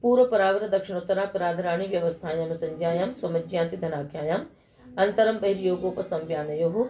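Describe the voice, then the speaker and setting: A middle-aged woman giving a grammar lecture, asking her class questions and answering them herself, and reciting rules in a slow, measured chant. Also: on the low side, mellow, highs cut off. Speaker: Sanskrit grammar teacher.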